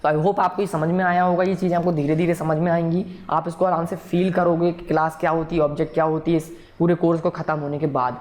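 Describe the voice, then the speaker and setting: A man's voice: a little high, flat delivery, quick pace, few pauses, a little mellow. Male coding instructor, patient and repetitive, keeps checking the class follows. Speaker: programming instructor. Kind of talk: recorded coding tutorial lecture.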